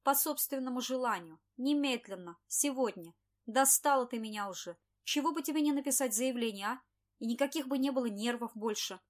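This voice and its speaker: A woman reading an audiobook, voicing a harsh, scornful male office boss who shouts at his employee. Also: a little high, fairly quick, few pauses, lightly acted. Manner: shouting, contemptuous. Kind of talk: audiobook character voice.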